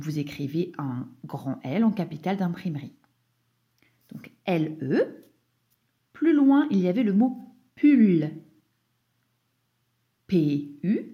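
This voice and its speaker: A woman teacher slowly correcting a dictation for young pupils, spelling words out letter by letter with patient explanations. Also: low voice, dull audio. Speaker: primary school teacher.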